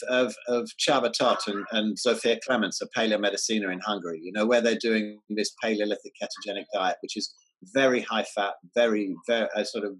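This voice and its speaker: This guest, a health writer, talks enthusiastically in a casual interview, his speech marked by false starts and repetitions. The voice sits on the low side, a bit bright with a breathy edge, and the recording quality is low.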